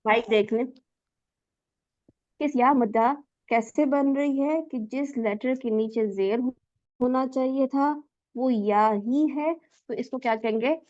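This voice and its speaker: A woman leads a recitation class, her voice pitched a little high as she questions her students and sounds out each letter for them. The audio is dry and somewhat dull, like an online class recording. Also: a little mellow, no echo. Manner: asks students questions and praises answers; demonstrates letter sounds aloud. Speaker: Quran recitation teacher.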